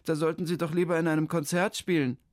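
Man playing a shrill clerk woman, high-pitched, loud, brisk, officious, dry recording. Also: level tone, dry recording, lightly acted. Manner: brisk bureaucratic chatter.

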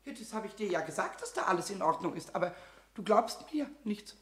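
A man's voice: high voice, animated, brisk, a bit bright. A man voicing a small, mischievous male goblin who stammers and repeats words in a radio play. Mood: flustered.

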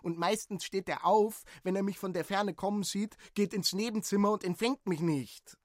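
An actor playing Barnabas, a humble, dutiful young village messenger in a radio drama. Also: male voice, high-pitched, normal speed, no echo, clean studio sound, close to an everyday voice. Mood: subdued.

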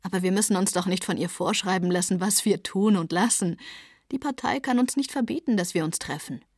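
A woman reading the part of a defiant, cheerful young man who scoffs at authority, in a breathy voice. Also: medium pitch, fairly quick, a little mellow, dry recording, clean studio sound, lightly acted. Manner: jubilant, unbothered by authority.

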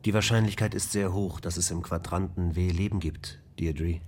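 Low-voiced ship AI, polite and level, radio play. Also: male voice, normal speed, a little hiss or hum. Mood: composed. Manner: polite, even, matter-of-fact. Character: calm male ship computer René.

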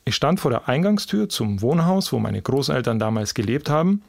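A man's voice: medium pitch, expressive, moderate pace, gravelly, a little mellow, dry recording, studio quality. A man hosting a podcast, telling a personal story in scripted narration. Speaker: podcast host.

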